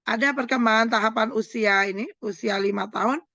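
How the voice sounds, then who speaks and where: A woman with a fairly high, gravelly voice leads an online parenting seminar, lively and quick to act out parents' lines. The call audio is dull and lo-fi, and close and dry with no room sound. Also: dry recording. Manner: lively, often acts out parents' words. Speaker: parenting speaker and doctor.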